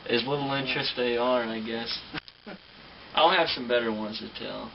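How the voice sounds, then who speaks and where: A man's voice: medium pitch, normal speed, gravelly, dull audio, slight background noise. A young man, a guest on the show, tells casual stories in slangy, profane talk full of fillers. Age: young adult. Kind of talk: casual storytelling. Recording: distant mic with music behind.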